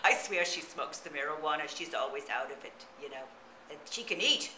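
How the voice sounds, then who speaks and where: Man voicing a brassy, frail old gossip of a lady, bright wobbly voice, roomy echo. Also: on the high side, lively intonation, a little fast, a little hiss or hum. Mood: gossipy. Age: older. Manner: chatty, rambling, full of "you know" and cackling asides. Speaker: comic character monologue. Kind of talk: character comedy monologue to camera.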